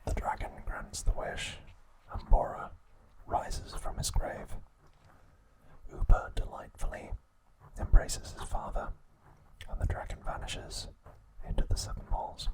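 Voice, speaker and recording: Whispering softly and breathily in ASMR style, a man works through a scripted recap at a slow, deliberate pace, using short phrases. The audio quality is poor.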